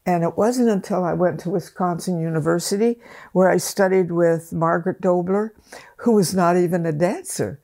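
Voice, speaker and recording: With a lowish, mellow voice at a moderate pace, an elderly dance teacher shares reflective stories in a sit-down interview. She keeps restarting sentences; the setting is a wood-panelled room in her home, shot in close interview framing.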